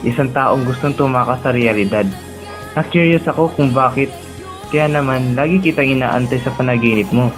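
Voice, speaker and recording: Over music in a romantic radio drama, a man with a Filipino accent plays a gentle, lovelorn young man making an earnest, tender confession of love. His mid-range voice moves at a moderate pace and is lightly acted.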